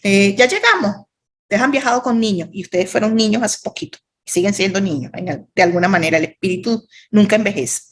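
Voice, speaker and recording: Husky-voiced Venezuelan woman teaching. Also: mid-range voice, quick pace. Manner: chatty, playful asides to students. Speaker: creative writing teacher. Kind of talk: online workshop teaching. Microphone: video call.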